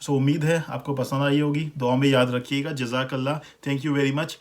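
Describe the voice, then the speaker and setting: A man from Pakistan with a Pakistani accent, giving a relaxed, conversational pronunciation lesson and repeating words slowly to compare them. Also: mid-range voice. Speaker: language teacher. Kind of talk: casual explanatory lesson.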